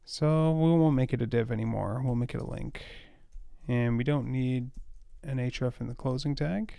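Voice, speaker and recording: A man's voice: medium pitch, vocal fry, darkish tone, smooth, no room sound, clean studio sound. A man casually thinking aloud as he writes code, rambling with fillers and exasperated laughs. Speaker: web developer coding on a live stream.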